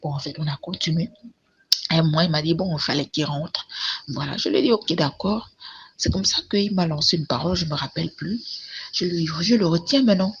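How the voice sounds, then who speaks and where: A woman's voice: deep voice, fairly quick. A woman telling a personal testimony in a rambling, hesitant way, full of restarts. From Cameroon. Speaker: storyteller sharing a personal testimony. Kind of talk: casual spoken testimony. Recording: dull lo-fi audio with faint noise.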